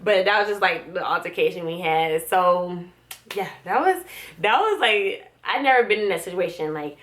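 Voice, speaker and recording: A young woman vlogger telling a storytime in a casual way, full of fillers and animated quotes of her friends. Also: lowish voice, moderate pace.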